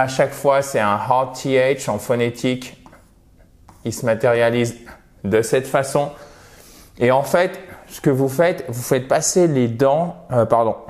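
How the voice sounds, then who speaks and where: A man whose first language is French, teaching English grammar slowly and deliberately, stretching out the example words. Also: mid-range voice, darkish tone.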